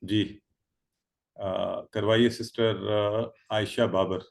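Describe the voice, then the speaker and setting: A man's voice: on the low side, level tone, vocal fry. A man teaching an online Arabic grammar lesson, drilling verb forms by repetition and calling on students by name over a video call.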